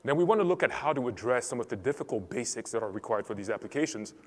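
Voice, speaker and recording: A man's voice: medium pitch, expressive, quick pace. A man from Cameroon giving a structured technical talk on a conference stage. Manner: clear, structured presenting. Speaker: conference speaker. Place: large conference hall stage. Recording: reverberant conference hall.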